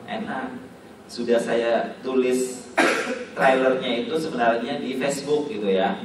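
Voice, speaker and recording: A man's voice: mid-range voice, steady tone, unhurried, noisy background. A male Islamic preacher, giving a joking, storytelling sermon that acts out little scenes. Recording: echoey hall, voice from far off.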